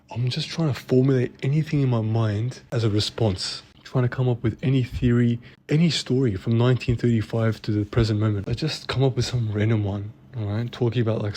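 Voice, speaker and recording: A young man chatting casually as co-host, telling stories in slangy, animated talk. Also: mid-range voice. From Australia. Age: young adult. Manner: slangy, animated storytelling with lots of "bro" and "like". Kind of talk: casual chat.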